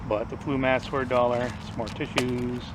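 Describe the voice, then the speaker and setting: A man's voice: mid-range voice, level tone, moderate pace. A man casually rambling through survival gear as a vlogger, offhand, his speech slightly off after having teeth pulled. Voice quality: slightly impaired speech after tooth extraction. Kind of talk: casual product rundown to camera. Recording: distant mic, noisy outdoor ambience.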